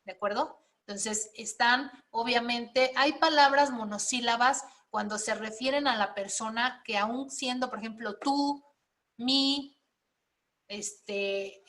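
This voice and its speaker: Here a woman's slightly high, somewhat bright voice leads a spelling and writing lesson. She breaks the material down step by step, checking in regularly with questions for the class.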